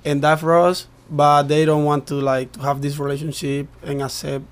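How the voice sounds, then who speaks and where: Man explaining in a flat, even tone. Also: on the high side, moderate pace. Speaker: interview guest, young people's ministry leader. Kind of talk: earnest explanation in conversation.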